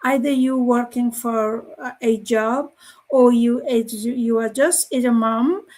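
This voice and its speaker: A woman in her forties from Nepal with a Nepali accent, speaking as a guest on a live online panel, halting, with many fillers and restarts. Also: on the high side, steady tone, a little mellow.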